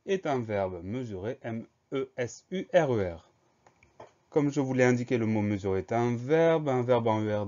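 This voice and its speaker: A male spelling teacher, patient and methodical, breaking each word into syllables and spelling it out letter by letter. His voice is mellow and low-key, neither high nor low. The recording is a little dull and muffled. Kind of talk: spelling lesson, dictation preparation. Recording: slightly dull lo-fi sound.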